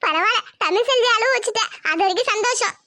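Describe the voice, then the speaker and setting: A woman's voice: very high-pitched, fast talker, sharp tone. A woman voicing a jealous, scheming village woman who gloats over the family's trouble. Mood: gloating. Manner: gloating, sly.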